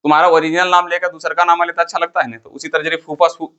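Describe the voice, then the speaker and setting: A man's voice: a little high, level tone, fast, bright, forceful tone, clear, resonant tone. A man teaching a class, firing questions at the students and repeating the key terms. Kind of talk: classroom lecture.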